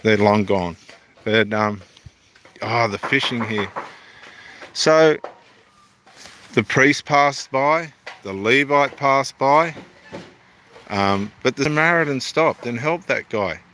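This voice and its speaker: A middle-aged Australian evangelist and theologian rambles casually to camera at a building site by the water. His mid-range, sharp-toned voice moves slowly with frequent pauses, and his homely, self-deprecating manner meanders along over slight background noise.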